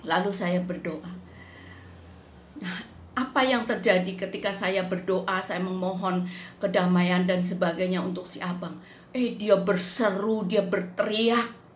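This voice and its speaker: A woman telling a faith testimony in an unhurried, earnest devotional manner. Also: fairly low pitch, steady tone. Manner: unhurried, earnest storytelling that acts out quotes. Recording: roomy echo with faint background noise.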